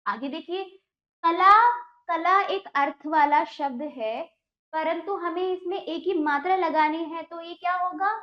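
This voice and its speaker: A woman teaching a primary school language lesson, patiently asking questions and slowly repeating the answers. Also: very high voice. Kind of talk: classroom lesson explaining exercises. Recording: echoey room, dull lo-fi sound.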